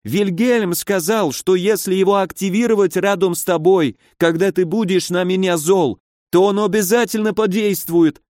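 A man voicing a terrified, cowardly nobleman who shouts in panic. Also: sits high, moderate pace, hardly any pauses, no echo, studio quality, pitched above the performer's own voice, lightly acted.

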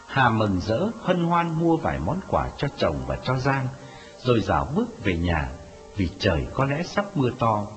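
Expressive male storyteller over music. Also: medium pitch, moderate pace. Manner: dramatic, expressive telling. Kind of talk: scripted story narration. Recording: dull lo-fi audio with music.

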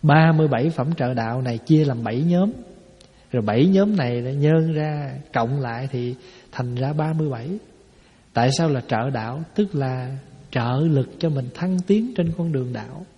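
A man's voice: medium pitch, moderate pace. A man, a Buddhist monk giving a folksy dharma talk to a hall, explaining with rhetorical questions. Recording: echoey hall, dull lo-fi sound.

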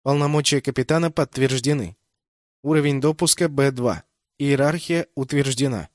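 A man's voice: mid-range voice, normal speed, no room sound, studio quality, pitched above the performer's own voice, lightly acted. A man voicing a terse, touchy female ship computer in an audiobook, with formal, clipped announcements. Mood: official. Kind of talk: audiobook character voice.

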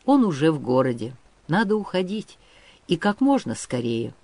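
Weary stern old prince, protective dad, calm and firm; a male narrator puts him on, dry close sound. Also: a little high, normal speed, dry recording. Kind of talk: audiobook character reading.

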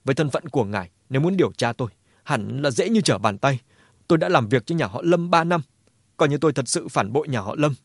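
Man doing a young male hitman, panicked, shouting, raised pitch, dry recording. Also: husky, no room sound. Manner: shouting accusations. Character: panicked young male hired killer, agitated.

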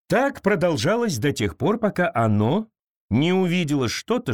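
A man narrates a storybook tale with a lively, rising and falling voice, pitched a little high. His reading is expressive. It sounds close and dry, with no room around it. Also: dry recording. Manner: expressive, varied. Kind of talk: scripted fairy-tale narration.

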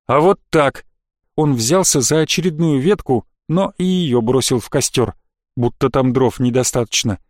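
A man's voice: mid-range voice, normal speed, a little mellow, no room sound, clean studio sound. Man narrating a story in first person. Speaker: audiobook narrator.

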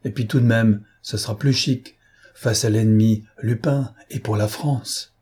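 A man voicing an imperious gentleman-thief. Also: on the low side, fairly even intonation, unhurried, breathy edge. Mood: haughty. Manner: curt, commanding. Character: elegant, imperious gentleman-thief posing as a recruit.

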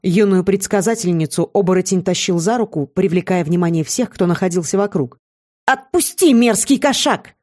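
A woman reading a first-person fantasy novel aloud in a measured, reflective way. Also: on the low side, dark tone. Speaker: audiobook reader.

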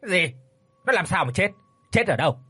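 A man's voice: high-pitched, sing-song, normal speed, sharp tone, slightly rough, dry recording, voice pushed up, exaggerated voice. A man voicing a harsh, arrogant old village official who barks his questions contemptuously in a spoken horror story. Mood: scornful. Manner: barking, contemptuous.

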